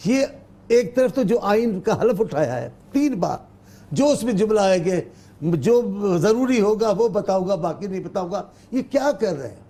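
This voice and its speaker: A male panel guest on a political talk show. His tone is dark and mellow but sits fairly high. He speaks in a measured, emphatic way with formal wording. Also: very animated.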